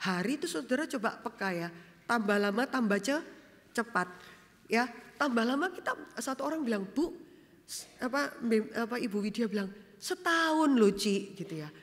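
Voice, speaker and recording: Woman pastor, fairly high voice, lively sermon delivery, reverberant church hall. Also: moderate pace. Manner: animated storytelling, acts out quoted dialogue; swings between loud emphasis and soft low asides. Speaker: vicar preaching.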